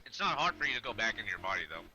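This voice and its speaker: A man narrating a tabletop game as game master, in a measured, halting way with pauses and fillers. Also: on the low side, sing-song, bright, forceful tone, husky, soft background music.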